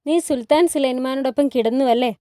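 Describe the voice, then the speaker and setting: An enraged young favourite of a sultan snaps in a sharp, raised voice, put on lightly by a woman narrating a storybook retelling. The voice sits a little high yet mellow. The sound is dry and close. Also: a little fast, dry recording, natural voice. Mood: accusing.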